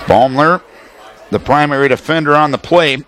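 A man with a fairly high, slightly bright voice calls a football game live on radio. He delivers rapid-fire play-by-play, packing situational detail into clipped phrases.

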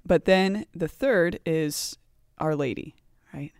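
A woman's voice: low voice, slow, vocal fry, a little mellow, no room sound, clean studio sound. A woman hosting a casual conversation, informal and reflective, often checking for agreement. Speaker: podcast host.

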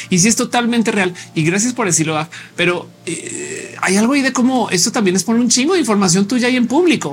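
Mexican man musing on a live stream. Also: sits high. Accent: Mexican Spanish. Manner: musing, conversational, thinks aloud with restarts. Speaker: live show host. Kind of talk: casual live-stream chat, reading viewer comments.

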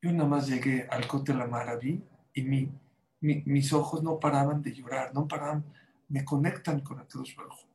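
Rabbi guy spinning a lively travel story, mid-pitched voice. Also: low-quality recording. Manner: lively anecdotal storyteller, quick asides. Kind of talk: storytelling talk on a panel.

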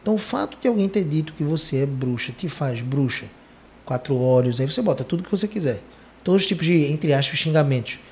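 Fast-talking animated male podcast host. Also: fairly high pitch, a little hiss or hum. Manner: animated storytelling, lively emphasis. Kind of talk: casual conversational podcast.

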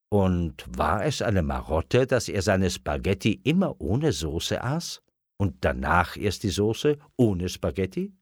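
A man reading a children's story aloud in a gentle, expressive way. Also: low-pitched, slightly rough, dry recording, clean studio sound.

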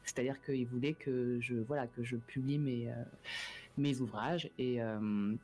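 A woman speaking casually as an interview guest about her work as an author, agreeable and lively. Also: rumbling low, measured pace, husky.

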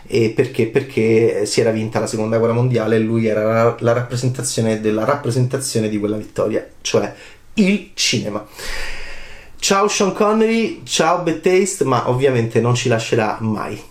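A man in his forties giving a passionate film commentary monologue, animated, full of rhetorical questions and leaps in pitch. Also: moderate pace. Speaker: film critic. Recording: roomy echo.

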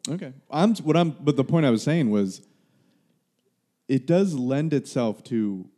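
A man's voice: medium pitch, animated, a little slow, dark tone. A man hosting a casual podcast chat, making dry joking remarks. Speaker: podcast host.

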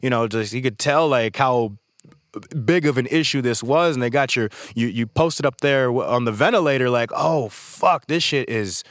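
A man's voice: mid-range voice, moderate pace, no room sound, studio quality. A man asking loose, rambling questions in a casual podcast chat.

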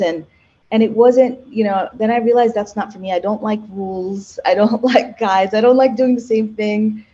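A woman from Egypt, a podcast guest, telling her career story in casual, animated interview chat with frequent self-corrections. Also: medium pitch, muffled recording. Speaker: podcast guest, marketing executive.

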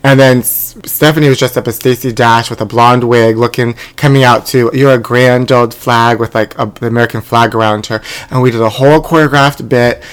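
A man's voice: medium pitch, fairly even intonation, brisk, hardly any pauses, clear, resonant tone. Campy man talking inside a closet. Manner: campy, calls people honey. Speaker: podcast host and comedian. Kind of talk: casual comedic chat.

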